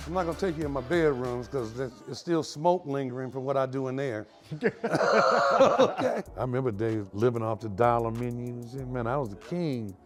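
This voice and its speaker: A man's voice: medium pitch, moderate pace, soft background music. A man in his sixties who tells stories loosely and laughs often while showing his home. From United States. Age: 60s. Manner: laughing, animated storyteller. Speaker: interviewee, homeowner. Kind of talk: casual storytelling during a house tour.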